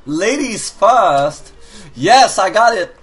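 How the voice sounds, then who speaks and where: With soft music playing behind him, a man hosting a gaming video plays a puzzle game in a casual let's-play. He speaks slowly in a high-pitched voice, staying animated as he reads the on-screen hints aloud and jokes with sudden outbursts.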